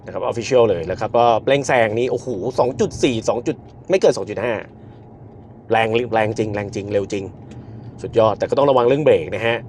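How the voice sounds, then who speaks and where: Excited man reviewing a car while driving. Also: medium pitch, a little fast, slight background noise. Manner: excited exclamations, counts down launches. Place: inside a car on the road.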